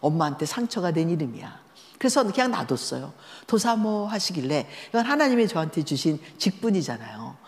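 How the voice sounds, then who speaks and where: As a guest lecturer at a church seminar, a woman delivers a storytelling sermon in a large sanctuary, lively and conversational, putting questions to her listeners. Her voice is on the low side and a little fast, and the recording carries the echo of the church hall.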